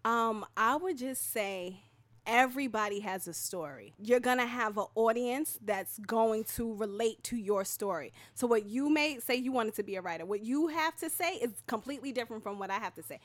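A woman guest author in casual interview talk, animated, often saying "you know what I mean". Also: fairly high pitch, normal speed.

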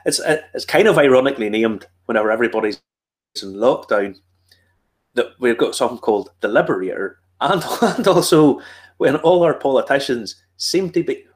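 A man with a Northern Irish Ulster accent, hosting a tasting in casual chat, explaining things with asides and questions to himself. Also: medium pitch. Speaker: whiskey tasting host.

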